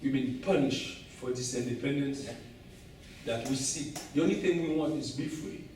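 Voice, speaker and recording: A man with a Haitian accent, telling stories to a club audience in an animated way and laughing often. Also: mid-range voice, normal speed, a little hiss or hum. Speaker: guest speaker. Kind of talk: storytelling talk to a club audience. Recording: echoey room, distant mic.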